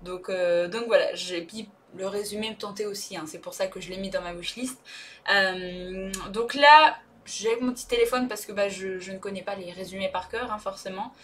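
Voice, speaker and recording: A woman's voice: medium pitch, moderate pace, fairly bright tone. Chatty, hesitant woman book vlogger. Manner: hesitant, chatty, many fillers and restarts. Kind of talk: casual vlog chat.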